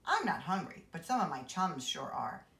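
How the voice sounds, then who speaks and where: Brief: woman reader as smarmy rich kid, fake-polite, lively. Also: low voice, normal speed, creaky, exaggerated voice. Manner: oily, falsely polite. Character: smarmy, sucking-up rich schoolboy. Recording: roomy echo.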